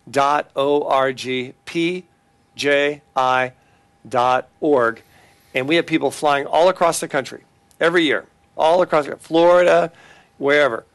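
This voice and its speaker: A middle-aged attorney with a Californian accent talks earnestly on a talk show in a fairly high, slightly bright voice. He makes announcements, repeats a web address, and tells a case story, restarting his sentences often.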